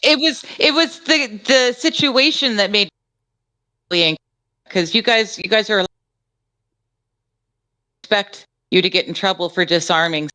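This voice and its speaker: A man's voice: sits high, unhurried, long pauses, bright, forceful tone, dry recording, poor audio. A man co-hosting a casual chat over a video call, his audio glitching and cutting out intermittently as he stammers and restarts. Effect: audio cutting out intermittently over a glitchy connection. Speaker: co-host.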